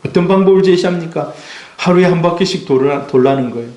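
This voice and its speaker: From South Korea, this pastor delivers a sermon at a quick pace in a fairly high, darkish voice. He speaks emphatically to his congregation, piling on rhetorical questions, and the church sanctuary gives the recording an echoey, hall-like sound.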